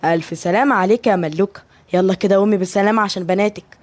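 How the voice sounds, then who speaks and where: A woman with an Egyptian Arabic accent voicing a protective, loyal young man, steady and reassuring. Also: mid-range voice, rapid-fire, no echo, close to an everyday voice. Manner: steady, reassuring, provoking on the phone.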